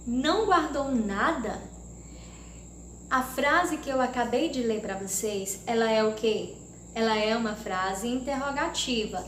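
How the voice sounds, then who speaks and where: A woman from Brazil teaching a grammar lesson to young children, speaking slowly and deliberately and exaggerating her intonation when she reads example sentences. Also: on the high side, a bit bright. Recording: echoey room with faint background noise.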